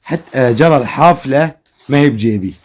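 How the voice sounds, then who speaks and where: Man doing a poor grateful older guy, pleading, quick talk, soft mellow tone. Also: medium pitch, expressive, lightly acted. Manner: pleading, emotional prayer. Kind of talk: storytelling.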